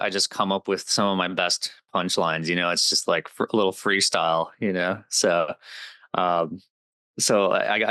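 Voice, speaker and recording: A man's voice: sits low, pushed and bright, clear, resonant tone, no room sound. A man in his twenties, a comedy creator, chatting casually as a guest, upbeat and rambling with lots of fillers. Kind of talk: casual interview chat.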